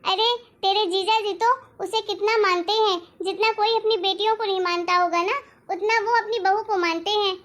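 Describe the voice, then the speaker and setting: A woman's voice: very high-pitched, steady tone, normal speed, fairly bright tone. A woman voicing a loving elderly mother-in-law in a family cartoon story, scolding fondly and insisting firmly. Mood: firm defending.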